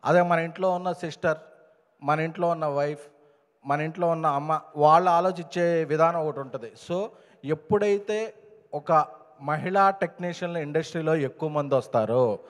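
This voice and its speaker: Male producer giving a speech at a film event, fairly high voice, emphatic, drops english bits in, long hall echo. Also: normal speed. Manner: emphatic, rising to loud stresses; mixes in English phrases.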